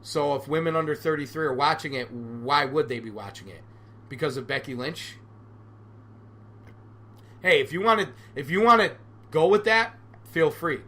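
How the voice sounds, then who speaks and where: A man's voice: a little high, animated, moderate pace, long pauses, bright, forceful tone. A man in his forties hosting a solo podcast, ranting sarcastically and with animation. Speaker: podcast host.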